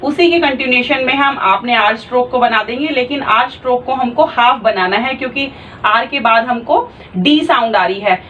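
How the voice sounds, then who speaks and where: High-voiced woman teaching patiently. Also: moderate pace, a bit bright, lo-fi sound, a little hiss or hum. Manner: patient, repeats and spells out sounds step by step. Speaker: shorthand teacher. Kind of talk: online class explanation.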